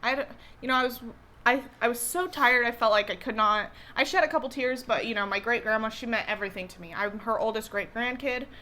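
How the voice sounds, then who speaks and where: Rambling young woman, bright voice. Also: a little high, fairly quick. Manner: rambling, hesitant, full of fillers and restarts. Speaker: co-host. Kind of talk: casual chat while eating.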